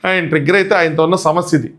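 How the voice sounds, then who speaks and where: A man giving a casual commentary recap as a show reviewer, retelling fast and acting out quotes. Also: on the high side, steady tone, a bit bright.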